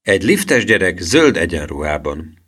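A man reads a children's novel aloud with a very deep, low voice. His pitch moves animatedly as he narrates. The scripted narration stays expressive throughout. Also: husky. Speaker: audiobook narrator.

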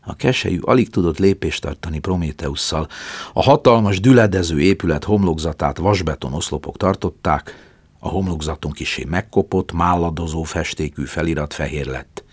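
A man narrating a story dramatically, swinging between loud passages and whispers. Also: deep voice, breathy edge, no echo. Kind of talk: storytelling reading.

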